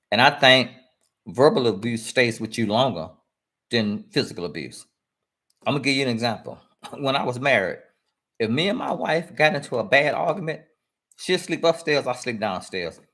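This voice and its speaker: A man's voice: medium pitch, a bit bright. A man giving earnest, emphatic relationship advice in casual talk, repeating points for stress and using informal speech. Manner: informal speech with dropped verb endings. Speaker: guest speaker.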